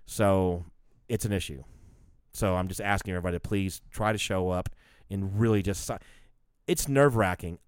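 A man's voice: low-pitched, normal speed, clear, resonant tone, no room sound, studio quality. A man in casual conversation who rambles and swears freely. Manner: rambling, profane, animated. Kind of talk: casual chat.

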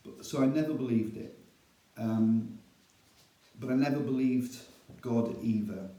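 Chatty Northern English man, dark voice. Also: mid-range voice, unhurried, roomy sound, poor audio. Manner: chatty, self-deprecating, laughs often. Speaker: church elder, interview guest. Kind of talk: casual storytelling interview.

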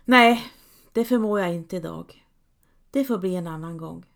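A woman's voice: fairly low pitch, vocal fry, a bit bright. A woman voicing a weary, plaintive male squire who grumbles and hesitates, in a read-aloud story. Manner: plaintive, complaining. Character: gloomy downcast male squire, weary and reluctant.

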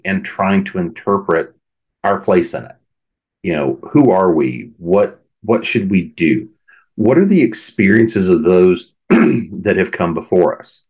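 Deep-voiced man musing earnestly. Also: a little mellow. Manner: thoughtful, earnest, asks many questions. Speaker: podcast host. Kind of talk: reflective solo podcast talk.

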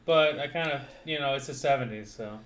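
A young man in casual chat as a podcast co-host, tipsy after a few beers, laid-back and quick to defend himself. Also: mid-range voice, fairly bright tone, echoey room.

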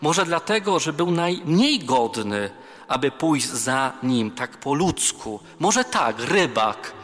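This priest's fairly high voice has a sing-song lilt, a slow pace and a slight brightness. Preaching casually to youth in a large chapel hall, he mixes scripture with self-deprecating personal tales. Echo fills the room, and music plays faintly.

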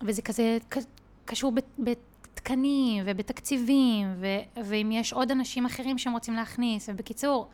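A woman's voice: fairly high pitch, fairly even intonation, darkish tone. A woman guest on a podcast, telling a personal story in a chatty way with many fillers and restarts. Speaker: podcast guest, content creator.

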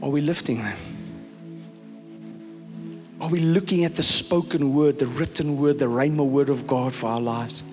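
Pastor, South African man, high voice, emphatic preaching, long hall echo with soft music behind. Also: normal speed, long pauses. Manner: emphatic preaching, mixing in Afrikaans phrases. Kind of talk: sermon.

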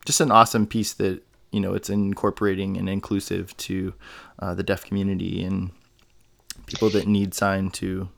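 A man with a very low, gravelly voice hosts a podcast. His talk is casual and rambling, full of restarts and friendly filler. He sounds relaxed and conversational. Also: normal speed. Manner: chatty, rambling with many restarts. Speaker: podcast host. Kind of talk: casual interview chat.

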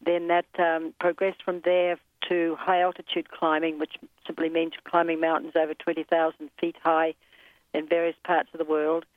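A new female guest from New Zealand tells stories in an interview over a tinny phone line. Her voice sits low and stays monotone, with no room sound, and her manner is measured, peppered with frequent ums and uhs.

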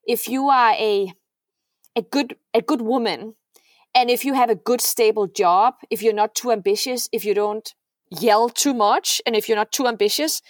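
A middle-aged Danish woman, a guest on a heartfelt podcast, talks earnestly in a voice on the high side with no echo. She often repeats words and checks in by asking "right?".

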